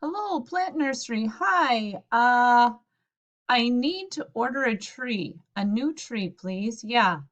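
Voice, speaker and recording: A woman's voice: fairly high pitch, expressive, slow pace. A woman voicing a flustered middle-aged uncle in a storybook who keeps phoning for help, sheepish and hesitant, full of "uh"s, on a slightly dull lo-fi recording. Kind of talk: storybook read-aloud.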